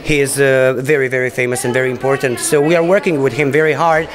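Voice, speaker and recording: A man's voice: mid-range voice, steady tone, quick pace, a crowd in the background. A man answering interview questions in a small indoor room, earnest and repeating words for emphasis. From Bosnia and Herzegovina. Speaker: singer being interviewed.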